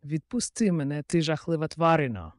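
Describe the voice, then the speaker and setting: A cruel fat giant who jeers and shouts, put on by a male audiobook narrator. He is loud and mocking. The sound is dry and close. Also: on the high side, animated, fairly quick, no echo, close to an everyday voice. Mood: panicked. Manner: jeering, shouting. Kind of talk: audiobook character voice.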